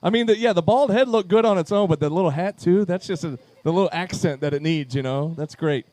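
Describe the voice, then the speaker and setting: Upbeat high-voiced male event emcee. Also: a little fast, a little mellow, no echo. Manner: upbeat, calling names to chairs. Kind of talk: live event announcing. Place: charity event at a pub.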